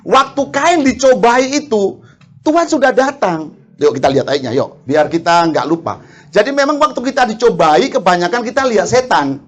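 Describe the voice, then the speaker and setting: In a sing-song, high voice, a man preaches an energetic sermon, quizzing his congregation with questions. Brief laughs punctuate his delivery, and he dramatizes quarrels.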